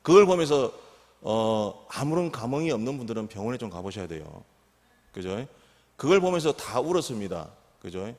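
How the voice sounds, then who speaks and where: A middle-aged male pastor preaches in a church sanctuary, his voice rising and falling with lively swings in pitch. He keeps asking the congregation questions, and his words ring out with a long reverb through the hall. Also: moderate pace. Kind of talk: sermon.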